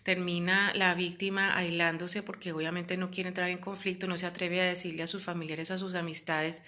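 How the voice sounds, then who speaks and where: Bright-voiced earnest woman. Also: fairly low pitch, little pitch movement, a little fast. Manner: earnest, with many fillers and quoted voices. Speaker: host. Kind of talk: casual talk about psychological abuse.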